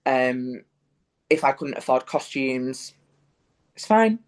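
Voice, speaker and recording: A young man from Yorkshire, England, with a Northern English accent talks slowly in a mid-range, animated voice. He is a musical theatre performer appearing as a guest in a casual interview, and his chat is full of fillers and restarts.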